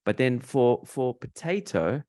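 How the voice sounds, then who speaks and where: A man's voice: mid-range voice, sing-song, unhurried, darkish tone. A man with a South African English accent hosting a casual interview, playfully teaching slang. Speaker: host.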